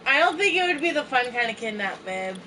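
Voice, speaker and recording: A woman with a slightly high voice chimes in with dry, teasing remarks during a game session. She is away from the mic, with clear noise behind her. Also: sing-song, fast, sharp tone. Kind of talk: casual gaming chat with friends. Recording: distant mic with background noise.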